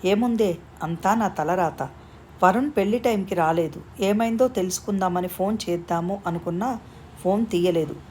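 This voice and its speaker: A woman's voice: medium pitch, moderate pace, a little mellow, slight background noise, close to an everyday voice. A woman reading the lines of a flustered young bride who scolds and teases her friend. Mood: rueful. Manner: teasing, scolding.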